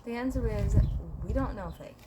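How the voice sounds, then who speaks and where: A young Swedish woman, a gardening vlogger whose first language is Swedish, chats casually and playfully to her viewers while gardening outdoors, talking to herself and humming as she works. Her voice is fairly high-pitched at normal speed, with heavy background noise.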